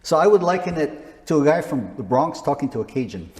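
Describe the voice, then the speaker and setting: This sixty-something missionary talks casually in an interview, rambling, chuckling, and restarting frequently. He speaks a little fast in a fairly high, darkish voice with big pitch swings, and the sound carries like a large hall.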